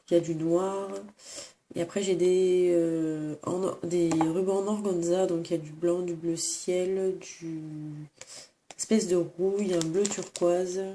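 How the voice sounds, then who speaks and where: A woman's voice: lowish voice, dark tone, a little hiss or hum. A sick, sniffling woman in a room at home, casually showing craft supplies with many hesitant fillers and self-corrections. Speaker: crafts vlogger. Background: crinkling plastic bags.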